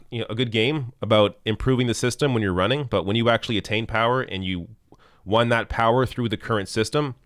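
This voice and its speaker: With his voice giving out, a live stream host clears his throat while reading viewer super chats aloud, restarting and filling pauses with ums. His lowish voice is fairly bright, and the recording is dry and studio quality.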